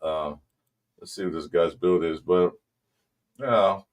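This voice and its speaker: A man with a Southern California accent hosting a casual sports podcast, rambling loosely with lots of ums and shout-outs to viewers. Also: deep voice, unhurried. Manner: loose, rambling delivery with many ums, greets viewers mid-talk. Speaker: podcast host.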